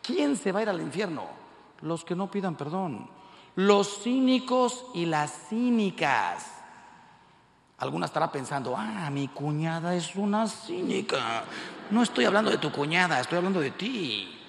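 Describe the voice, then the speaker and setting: Mexican priest in his 50s, preaching with jokes and little acted-out scenes, higher voice, echoey big hall. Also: moderate pace, vocal fry. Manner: animated storytelling, acting out dialogue in voices. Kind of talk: humorous sermon to a large audience. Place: large hall with live audience.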